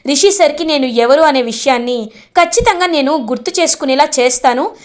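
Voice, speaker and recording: A woman's voice: high-pitched, brisk, lightly acted. A woman doing a worried, determined young woman. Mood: resolute. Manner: questioning, resolute inner voice.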